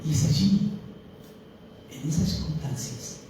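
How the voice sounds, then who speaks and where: A man with a Chilean accent preaching an evangelical sermon, impassioned and swelling to loud cries. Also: fairly high pitch, animated, unhurried, very echoey, distant mic, background noise. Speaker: pastor.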